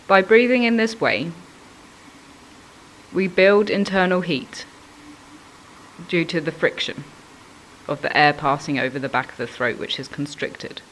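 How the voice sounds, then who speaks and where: A man giving an instructional explanation of a breathing exercise in measured, explanatory phrasing. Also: a little high, fairly bright tone, slight background noise, low-quality recording.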